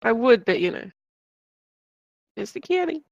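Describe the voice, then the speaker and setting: A woman's voice: on the high side, sing-song, unhurried, vocal fry, no echo, lo-fi sound. A young woman playing a tabletop game, mildly and wryly describing her character's actions. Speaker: player.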